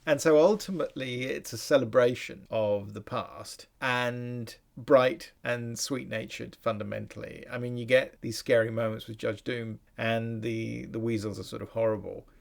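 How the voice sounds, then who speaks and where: A man with a gravelly, creaky voice hosts a relaxed film-discussion podcast. He thinks aloud, analytical and musing, often restarting his sentences as he works through his points. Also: medium pitch, moderate pace, hardly any pauses. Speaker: podcast host.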